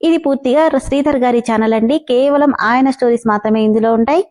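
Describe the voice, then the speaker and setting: Female channel host narrating a serial story; high pitch, soft dark tone, friendly. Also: brisk. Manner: friendly direct address to listeners. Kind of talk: reading a serialized story aloud.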